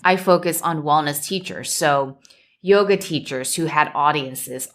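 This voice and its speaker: A woman from the United States hosting a solo business podcast, speaking in a measured way and building her points in emphatic lists. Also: low voice, a bit bright. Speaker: podcast host and business coach. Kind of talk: solo motivational podcast talk.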